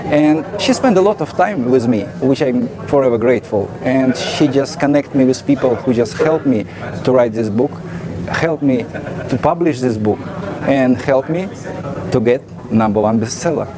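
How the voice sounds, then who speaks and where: Grateful man speaking halting, non-native English. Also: medium pitch, animated, a crowd in the background. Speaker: author giving a testimonial. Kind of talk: heartfelt testimonial.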